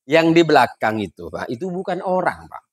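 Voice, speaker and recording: A man's voice: mid-range voice, big pitch swings, a little fast, slightly rough, no room sound, clean studio sound. A man acting out a naive, stubborn male pickup driver with a Madurese accent. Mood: innocent. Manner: innocent, stubborn.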